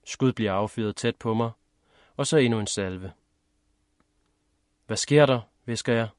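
Low-voiced man reading a story. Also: no echo, clean studio sound. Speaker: audiobook narrator. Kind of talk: first-person scripted story narration.

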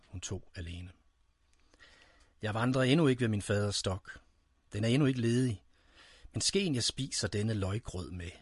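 A man reading dark, brooding spoken-word poetry, addressing a "you" directly. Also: fairly low pitch, husky, dry recording, clean studio sound.

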